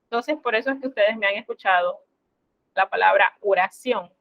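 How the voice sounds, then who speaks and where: A woman's voice: medium pitch, creaky, no room sound, dull audio. A woman teaching a French class online, explaining step by step in a patient, instructive way. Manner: slow, patient, instructive, addresses students formally.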